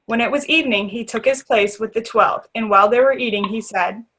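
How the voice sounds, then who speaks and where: A woman's voice: a little high, fairly quick, a bit bright, a little hiss or hum. A woman reading scripted scripture narration as the narrator of a readers theater.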